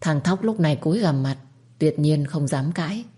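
A woman narrating a dramatic story in a steady, measured reading voice. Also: sits low. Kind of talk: scripted narration.

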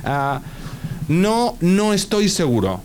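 A man's voice: high-pitched, very animated, slow pace, a little mellow, slight background noise. A man teaching an English lesson in Spanish on the radio, patiently spelling out words and checking with "ok?".

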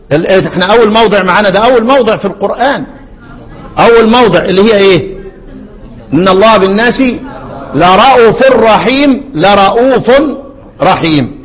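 A man with an Egyptian Arabic accent teaching a lesson, asking his students questions and answering them himself, and reciting quoted verses slowly. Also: high voice. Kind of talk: classroom lesson explaining a classical text. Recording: long hall reverb.

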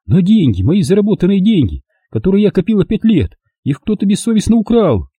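A man's voice: sits high, big pitch swings, a little fast, slightly rough, dry recording, narrow, tinny audio, voice pushed up, exaggerated voice. A man reading an audiobook, voicing a desperate, tearful young housemaid who pleads bitterly.

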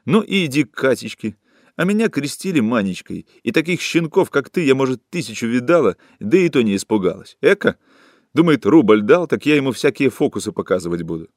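A man voicing a coarse, scornful young woman who scolds and mocks in a raised, shrill voice. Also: big pitch swings, brisk, no echo, studio quality. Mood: contemptuous, scolding.

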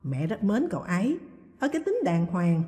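A woman's voice: on the low side, big pitch swings, moderate pace, mellow. A woman reading a fussy, pressing older mother. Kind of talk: audiobook reading. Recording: long hall reverb.

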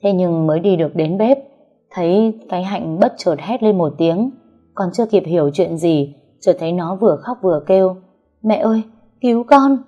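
A woman narrating a first-person audio story in a steady storytelling manner. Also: on the low side, normal speed, lo-fi sound, faint music behind.

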